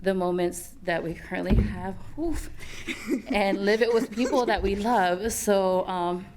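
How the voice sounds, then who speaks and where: A woman's voice: mid-range voice, a little slow, crowd noise. A young woman from American Samoa, speaking on a youth panel, telling her personal story candidly with many fillers and restarts.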